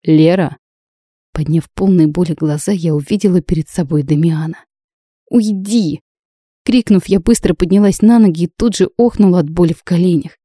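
A woman narrating a novel in the first person with a lively, emotional reading. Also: on the low side, quick pace, hardly any pauses, husky, no room sound, studio quality. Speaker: audiobook narrator.

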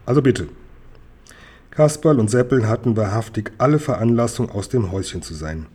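Brief: male audiobook narrator for a children's story, mellow and lively. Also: on the low side, fairly quick, slightly rough. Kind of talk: scripted children's book narration.

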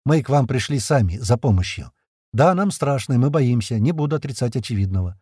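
A man reading the part of a calm, composed colonel from another world, speaking in a measured, persuasive way. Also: medium pitch, slightly rough, dry recording, studio quality. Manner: measured, persuasive, level-headed.

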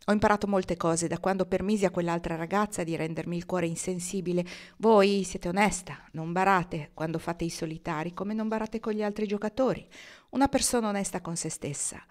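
Wry calm gentleman, woman reading him, low-ish voice, gentle humor, storybook. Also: a little fast, close to an everyday voice. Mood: amused, gentle. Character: worldly gentle-humored grown man.

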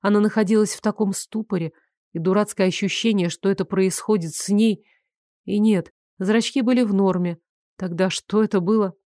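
A female audiobook narrator reads a romance novel from a script in a steady storytelling style. Her voice is medium-pitched at a moderate pace, and the studio recording is clean and dry.

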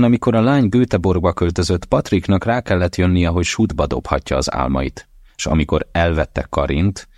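Very deep-voiced male audiobook narrator. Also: darkish tone, no room sound, clean studio sound. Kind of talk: scripted narration.

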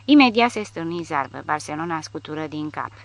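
A woman reading a war novel aloud in steady, measured scripted narration. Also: low-pitched. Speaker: audiobook narrator.

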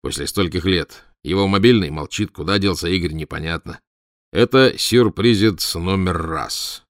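A man's voice: sits low, normal speed, dry recording, clean studio sound. A man voicing a wry, noncommittal middle-aged man.

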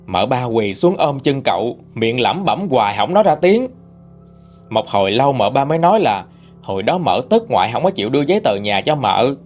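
Animated Southern Vietnamese male storyteller. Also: medium pitch. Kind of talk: ghost story narration.

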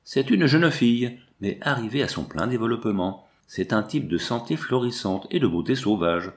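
A man reading a novel aloud in a measured, descriptive narration. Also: medium pitch, lively intonation. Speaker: audiobook narrator.

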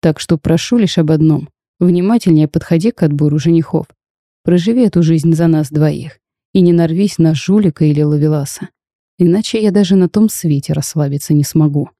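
A cursed dragon duke from a storybook, cold, curt and even-voiced, as a woman reads him. The tone is dark, mellow and fairly low. It is recorded dry and close. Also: fairly quick, no room sound. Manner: flat, terse, reserved.

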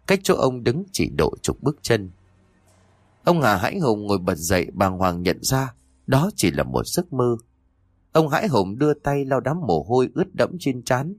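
A man narrating a horror story as an audiobook reader, with dramatic, expressive storytelling. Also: mid-range voice, no room sound, studio quality.

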